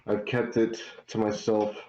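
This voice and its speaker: A man plays a grief-stricken, metal-bodied man who cannot shed tears, in a tabletop role-play. He speaks slowly in a lowish voice. The room rings with echo. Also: monotone, warm tone, lo-fi sound, lightly acted. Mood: shaken.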